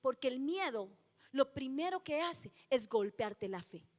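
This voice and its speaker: A woman's voice: high voice, expressive, measured pace, a little mellow. A woman preacher gives an emphatic sermon, repeating key phrases and asking the congregation questions. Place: church hall. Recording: long church-hall reverb.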